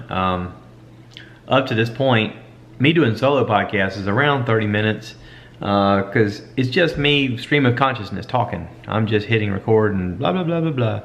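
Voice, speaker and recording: Low-voiced man chatting casually to camera. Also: fairly bright tone. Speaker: podcaster vlogging to camera. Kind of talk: casual chat, stream of consciousness. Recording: dull lo-fi camera audio, light background noise.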